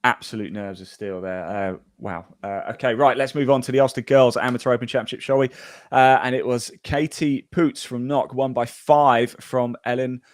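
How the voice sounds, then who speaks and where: A man's voice: mid-range voice, steady tone, normal speed, no room sound, clean studio sound. A man hosting a golf podcast, reading the news in a chatty, rambling way with plenty of fillers and restarts. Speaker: podcast host.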